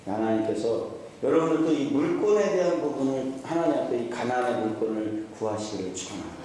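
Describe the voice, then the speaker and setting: A man preaching as a pastor at a conference, playful, often quizzing the congregation with quick questions. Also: mid-range voice, animated, mellow, a little hiss or hum. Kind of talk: sermon at a conference. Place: large church hall. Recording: echoey hall from far off.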